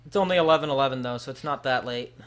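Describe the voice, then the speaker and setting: A man's voice: medium pitch, racing, fairly bright tone. A young man hosting a live stream, chatting casually and talking straight to viewers by name.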